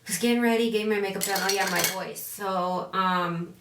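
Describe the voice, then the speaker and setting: A beauty vlogger with a mid-range voice and a steady tone at a moderate pace chats casually through a makeup tutorial, often losing her train of thought and circling back. The recording has background noise, roomy echo and a distant mic.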